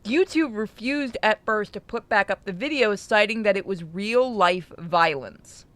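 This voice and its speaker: The recording has no echo, and the streamer's mid-range voice is fairly bright, at a measured pace. Co-hosting a playthrough, they chat casually, swear freely and read the visual novel's narration aloud while game music plays.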